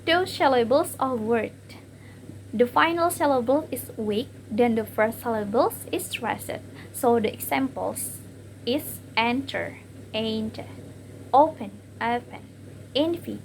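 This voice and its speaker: A woman's voice: on the high side, slight background noise. A young woman giving a class presentation on word stress, hesitating with fillers and repeating each example word.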